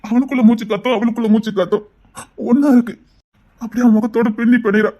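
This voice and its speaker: A man's voice: very high voice, fairly even intonation, fast talker, dark tone. An actor playing a heartbroken father in a TV serial drama. He confides in a friend in a heartfelt, pleading way. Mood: grieving. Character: heartbroken father whose daughter prefers another man.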